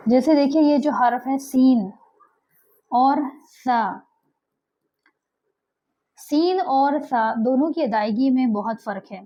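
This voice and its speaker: A woman's voice: high voice, long pauses, dark tone, lo-fi sound. A woman teaching Quran pronunciation, patiently repeating and demonstrating letter sounds. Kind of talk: explanatory lesson.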